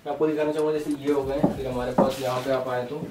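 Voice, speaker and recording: A young man who wholesales soft toys walks viewers through his warehouse stock. He talks in a brisk sales patter and reels off prices. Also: medium pitch, little pitch movement, far from the mic, over music. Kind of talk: casual product walkthrough. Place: large indoor toy warehouse showroom. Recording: roomy echo, voice off-mic.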